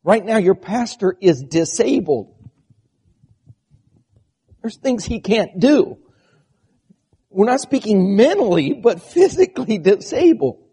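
A man's voice: high voice, very animated, slow, pauses often, warm tone, breathy edge. A man preaching a sermon with a strained, quavering voice that bleats like a goat, using rhetorical questions and repeated lists. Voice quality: strained, quavering, bleating voice from a vocal disorder (spasmodic dysphonia). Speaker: preacher and church pastor.

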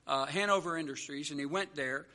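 A man's voice: a little high, brisk, bright, forceful tone. A man preaching a sermon, telling a story and then driving home his point with earnest, repeated phrases.

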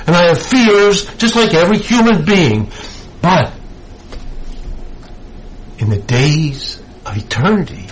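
A man preaching a sermon, slow and emphatic, building into fervent bursts. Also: on the high side, slight background noise, poor audio.

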